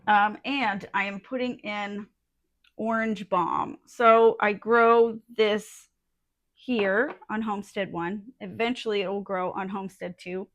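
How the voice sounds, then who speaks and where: A woman vlogger chatting casually to her viewers in an informal, halting way, thinking aloud as she goes. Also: medium pitch, fairly even intonation, a bit bright, dry recording, muffled recording. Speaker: vlogger and small soap business owner. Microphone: small add-on phone microphone.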